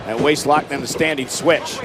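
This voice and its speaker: A man calling live wrestling play-by-play with excitable, exclamatory calls. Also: mid-range voice, normal speed. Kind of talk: live sports commentary. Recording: loud arena crowd noise behind. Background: roaring arena crowd.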